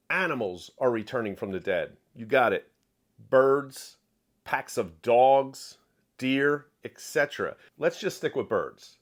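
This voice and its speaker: Speaking as if straight to viewers, a male book reviewer gives an opinionated review to camera. His mid-pitched voice rises and falls animatedly, and he presses his points emphatically, often repeating a phrase to hammer it home.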